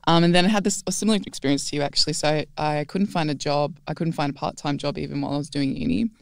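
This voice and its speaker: A woman's voice: low-pitched, fairly even intonation, racing, no room sound. A young woman, a podcast guest, chatty, laughing easily and using many ums. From Australia. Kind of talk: casual podcast chat.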